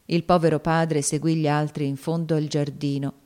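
A woman narrating a novel in a measured, solemn audiobook reading. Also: sits low, little pitch movement, a little mellow.

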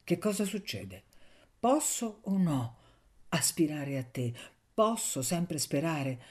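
A woman's voice: low voice, sing-song, slow, a little mellow, full character voice. A woman voicing an earnest, anxious young man in love, pleading fervently in an audiobook reading.

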